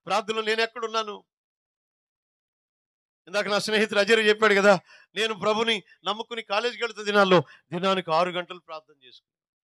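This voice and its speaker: Casting: young male preacher, bright high voice, fervent crowd-rousing sermon, dry sound. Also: steady tone, quick pace, pauses often, dry recording. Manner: fervent, exhorting crowd to respond. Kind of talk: open-air sermon. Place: outdoor meeting ground.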